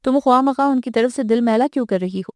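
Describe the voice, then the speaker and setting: A woman's voice: on the high side, darkish tone, no room sound, clean studio sound, lightly acted. A woman reading a novel aloud, voicing an anxious, scolding older mother in a raised voice. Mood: coaxing. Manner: fussing, coaxing. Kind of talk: audiobook character voice.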